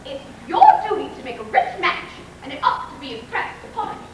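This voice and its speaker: A woman's voice: high voice, very animated, fairly quick. A woman playing a stern, wealthy, meddling old aunt who scolds imperiously, in old-time radio drama style. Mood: scolding. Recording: echoey distant old recording with faint hiss.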